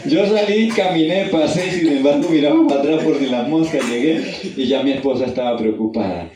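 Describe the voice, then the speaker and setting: A man's voice: brisk, crowd noise. Man preaching a sermon in a roomy space. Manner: addresses listeners directly as brother, asks them questions; swings from hushed and low to loud and high when reading scripture. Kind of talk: evangelistic sermon with personal story. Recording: roomy, distant mic.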